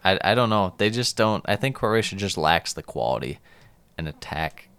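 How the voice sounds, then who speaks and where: A man's voice: low voice, big pitch swings, normal speed, a bit bright, clean tone. A man hosting a casual sports podcast, talking through soccer matches conversationally. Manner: conversational, asks co-host for opinions.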